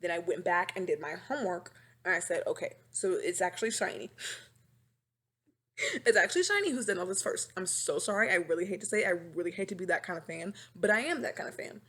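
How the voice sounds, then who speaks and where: A husky, lowish voice moves at a quick pace as a woman in her 20s hosts her casual home podcast on a webcam microphone. She rambles dramatically and animatedly, frequently mocking herself.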